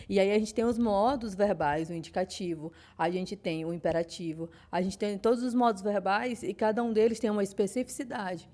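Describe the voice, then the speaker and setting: A woman's voice: medium pitch, darkish tone. A woman with a Brazilian Portuguese accent teaching a class, explaining patiently with frequent fillers and restarts. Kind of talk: online class lecture.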